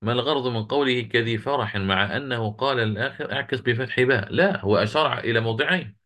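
A man teaching a lesson on Quranic recitation, answering students' questions and slowly chanting the verses he quotes. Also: fairly low pitch, pushed and bright.

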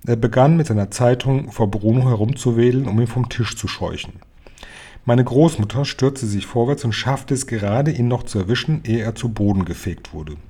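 Guy reading a kids book out loud, low-key, dark and kinda husky. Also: normal speed. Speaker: reader. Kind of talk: storybook reading aloud.

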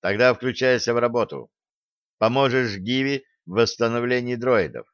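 A man voicing a gruff, sardonic male starship captain who gives bossy orders, in a dull lo-fi audiobook recording. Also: mid-range voice, normal speed, no room sound, natural voice. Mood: stern mocking. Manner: bossy, grumbling.

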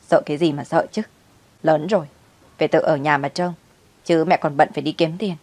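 A cold, scolding mother from a storybook, acted by a woman reader, firing off rapid, sharp orders in a low, loud voice. The recording is dry and close. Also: steady tone, no room sound. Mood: harsh, scolding. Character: harsh, scolding young mother.

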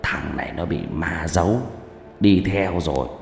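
A man doing a hushed, grim old fortune teller. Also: low voice, unhurried, gravelly, pitched below the performer's own voice. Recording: echoey room, faint music.

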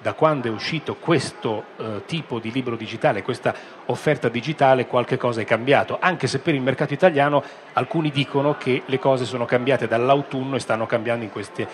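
A man hosting a live radio talk show, pausing mid-sentence as he presents. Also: medium pitch, slight background noise. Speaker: radio host. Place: live broadcast stand at a busy book fair.

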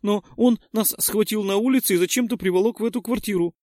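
A man voicing a crafty eleven-year-old girl who pleads in high, sobbing, breathless bursts, feigning fright. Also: fast, mellow, no room sound, clean studio sound, natural voice. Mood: fake tearful. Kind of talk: audiobook character voice.

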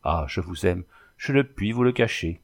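A man reading a classic novel aloud in a measured, expressive way, including the letters in the story. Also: deep voice, gravelly. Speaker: audiobook reader. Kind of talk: scripted narration of a classic novel.

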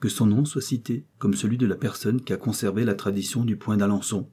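A clever young society lady who smooths over a quarrel , as a male reader puts her on. She talks smoothly and persuasively, choosing her words with care. The voice sits low with a mellow, slightly husky tone. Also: fairly even intonation, a little fast. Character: clever, gracious young married society woman.

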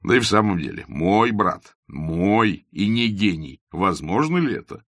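A man voicing an earnest young gentleman who answers in heated, indignant tones. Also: sits low, sing-song, measured pace, no echo, studio quality, heavily acted. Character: earnest young gentleman, hot-tempered friend.

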